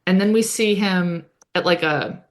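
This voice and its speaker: A woman's voice: on the low side, a little slow. A woman co-hosting a podcast, recapping a TV episode in casual chat full of fillers and self-corrections. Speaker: podcast co-host.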